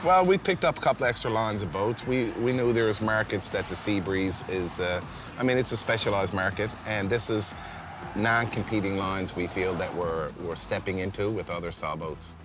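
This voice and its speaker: A man's voice: on the low side, moderate pace, music in the background. A man from Newfoundland with a Newfoundland accent, an easygoing boat builder chatting and laughing over a meal. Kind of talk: casual chat over a meal.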